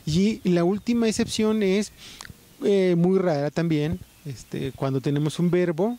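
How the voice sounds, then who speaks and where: A man with a Mexican Spanish accent giving a writing lesson, explaining patiently and filling pauses with "este" and "eh". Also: sits high, fairly even intonation, warm tone, no echo. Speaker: teacher.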